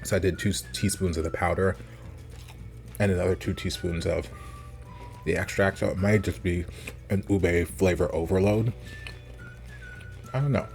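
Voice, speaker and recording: An American man chatting casually as a food vlogger, rambling informally and thinking out loud. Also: low-pitched, fairly even intonation, normal speed, creaky, pauses often, soft background music. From United States. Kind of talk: casual rambling chat to camera.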